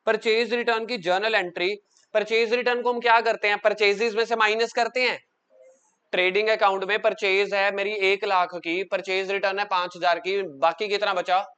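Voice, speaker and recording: High-voiced man teaching accounts. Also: steady tone, bright, forceful tone, clean tone. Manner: drills students with quick questions, calls them beta. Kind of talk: classroom lecture.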